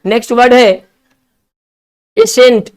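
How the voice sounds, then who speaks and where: Man, classroom English-vocab teacher, clear smooth voice, spells words out, coaxing. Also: extremely high pitch, little pitch movement. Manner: spells words letter by letter, coaxing students to write fast.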